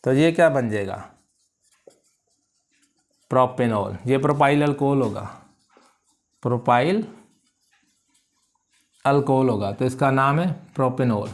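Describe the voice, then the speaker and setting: A male chemistry teacher giving a classroom lecture. He keeps asking whether students follow and repeats key terms slowly so they can write them down. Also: mid-range voice. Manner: checks understanding with repeated questions; calls students "beta" warmly.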